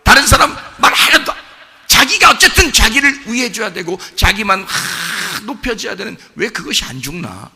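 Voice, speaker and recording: A male pastor preaches with a high, strained, bright voice that has a gravelly, husky edge. His pitch leaps around as he moves from hushed asides to shouted exhortation. The sound carries the long reverb of a church hall. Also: very animated, normal speed. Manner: rhetorical questions to the congregation. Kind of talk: sermon. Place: church sanctuary.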